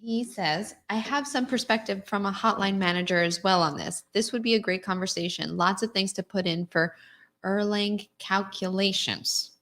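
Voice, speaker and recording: A woman's voice: mid-range voice, normal speed, fairly bright tone. Woman co-host reading viewer comments. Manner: reads viewer comments aloud, laughs easily. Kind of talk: casual live-stream talk.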